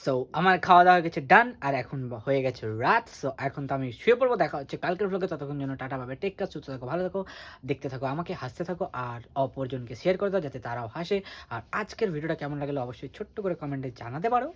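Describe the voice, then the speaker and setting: Rapid-talking young man. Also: fairly high pitch, lively intonation, fairly bright tone. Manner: rapid chatty talk, addresses viewers as guys. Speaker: daily vlogger. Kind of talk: casual vlog chat to viewers.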